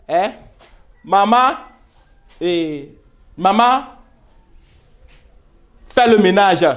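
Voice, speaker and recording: High-voiced guy teaching kids to read, slow, sounding out letters and asking if they get it. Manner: slow, repeats words and syllables, asks "vous voyez?". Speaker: primary school teacher. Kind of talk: reading lesson for young pupils.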